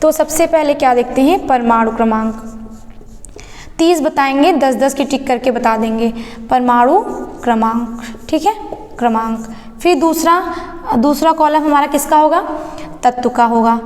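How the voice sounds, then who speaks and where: A woman's voice: high-pitched, a little slow, a little mellow. A woman teaching a basic science lesson, explaining step by step and answering her own questions as she goes. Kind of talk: classroom lesson. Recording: echoey room reverb.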